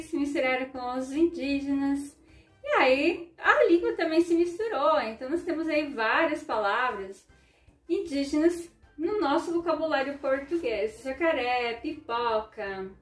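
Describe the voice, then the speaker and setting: A woman with a Ukrainian accent and a high, light voice gives an educational talk, tagging her points with a questioning 'né?' and slowing down to read out lists of words. She sounds set back from the mic in an echoey room. Soft music plays underneath. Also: recorded from a distance. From southern Brazil. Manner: explanatory, tags sentences with frequent 'né?', reads out word lists slowly.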